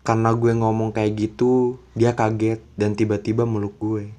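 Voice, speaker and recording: A man telling a personal story in a casual, confiding, halting way. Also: on the low side, completely flat delivery, warm tone.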